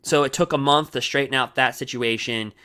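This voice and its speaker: A man hosting his own card game channel, talking fast and energetically in a rambling, casual way with many asides. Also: mid-range voice, steady tone, sharp tone, smooth. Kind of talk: casual solo gameplay commentary. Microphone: desk microphone.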